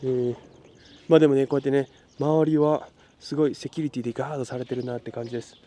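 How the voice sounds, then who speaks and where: A Japanese man narrates a handheld travel vlog outdoors at a migrant shelter beside railway tracks, chatting cheerfully with people in simple Spanish and English. His mid-range voice is dark in tone, with fairly even intonation and a very fast pace.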